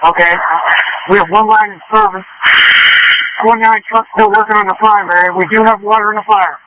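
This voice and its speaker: A man's voice: high-pitched, steady tone, fairly quick. A man giving terse firefighter replies over two-way radio. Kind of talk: brief emergency radio replies. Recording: noisy, clicking two-way radio.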